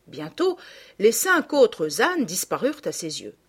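A woman reading a classic children's story aloud with expressive, animated narration. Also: medium pitch, measured pace, slightly rough. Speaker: audiobook reader.

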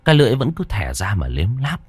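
A man reading a horror story aloud in a dramatic, expressive way. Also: on the low side, fast, slightly rough. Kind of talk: scripted horror story narration.

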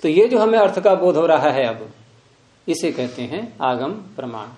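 With an expressive, fairly high and slightly mellow voice, a man leads a philosophy class at a moderate pace in an echoey room. He keeps prompting the students present with questions and frequent "hmm?" cues.

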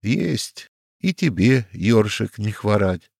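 A man's voice: lowish voice, very animated, slow, gravelly, darkish tone, dry recording, clean studio sound, exaggerated voice. A man voicing a weary police captain muttering wryly to himself.

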